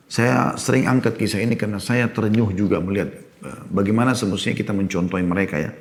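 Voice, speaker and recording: A middle-aged man giving a sermon as an Islamic preacher, telling stories with shifting emphasis. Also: low voice. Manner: storytelling, varied emphasis, rising for key points.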